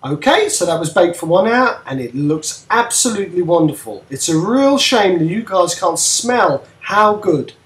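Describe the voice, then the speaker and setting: A man's voice: high-pitched, sing-song, normal speed, few pauses, fairly bright tone. A man playing a cheerful rat-man cook hosting a homemade cartoon cooking show, all chatty patter. His voice swoops up and down with great animation, heard in an echoey room. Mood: chirpy. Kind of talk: amateur brick-film voice acting.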